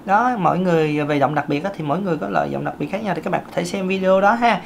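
Talking very fast in a creaky, thin, light voice, this singing teacher keeps his lesson casual and chatty. Fillers pile up and his pitch jumps suddenly; a little hiss or hum is audible.

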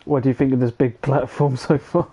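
A man's voice: mid-range voice, little pitch movement, a little fast, dark tone, slight background noise. A man streaming a game with a friend, chatting casually and chuckling as he thinks aloud. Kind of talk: casual gaming chat. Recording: dull lo-fi stream audio.

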